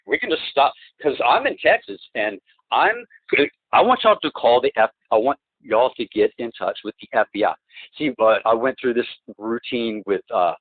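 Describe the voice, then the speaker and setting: Over a tinny, dry phone line, a man with a medium-pitched, slightly rough voice rambles haltingly, restarting and repeating words. He presses his complaints insistently during the phone conversation.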